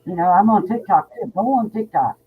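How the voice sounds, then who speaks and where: Heard over a tinny phone connection with a little noise, a woman in her fifties who works as a psychic medium talks in a medium-pitched, brisk voice. She's candid and outspoken in this relaxed interview, frequently repeating herself.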